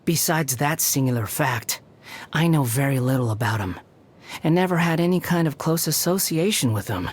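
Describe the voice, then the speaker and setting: An actor voicing a scornful, aloof, youthful male puppet wanderer in a video game, with a condescending, mocking and deliberate delivery. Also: medium pitch, slightly rough. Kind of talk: video game character voice acting.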